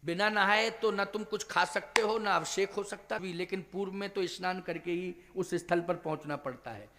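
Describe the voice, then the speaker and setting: A man's voice: sits high, moderate pace, big-room sound, noisy background. A male preacher voicing a loving, affectionate queen mother in devotional storytelling, pleading and tender. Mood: firm.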